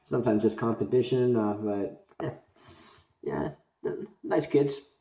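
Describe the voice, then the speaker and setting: A young man from Korea, talking unscripted to camera as a student vlogger, halting and full of fillers and restarts. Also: mid-range voice, gravelly, mellow. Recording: roomy echo.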